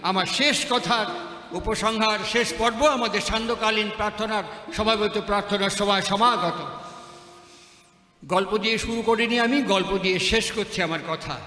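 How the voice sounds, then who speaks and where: A man's voice: high-pitched, normal speed, bright, forceful tone. A man giving a sermon at a festival stage, mixing stories with rhetorical questions and repeating his phrases for emphasis. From West Bengal, India. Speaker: religious speaker. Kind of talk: sermon with storytelling. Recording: echoey hall with music behind.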